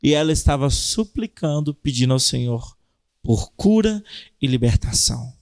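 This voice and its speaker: A young man with a Brazilian Portuguese accent preaching a youth sermon, animated, acting out cries and prayers as he teaches. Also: mid-range voice, normal speed.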